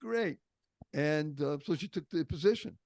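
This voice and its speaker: A man's voice: on the high side, lively intonation, normal speed, a little mellow, dry recording. An older man from the Boston area with a Boston accent, a podcast guest telling stories expressively and stressing key words. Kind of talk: storytelling interview.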